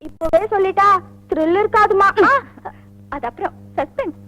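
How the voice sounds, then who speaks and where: An actress playing a spirited young daughter with a wheedling, cheeky manner, in 1980s film dialogue. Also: female voice, very high-pitched, moderate pace, a bit bright, highs cut off, soft background music.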